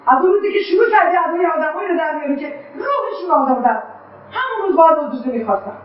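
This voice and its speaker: A woman's voice: a little high, animated, close to an everyday voice. An actress playing an embittered middle-aged mother who lashes out with scorn, in a radio drama. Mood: scornful. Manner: bitter, scornful outbursts. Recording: echoey, distant, dull lo-fi sound.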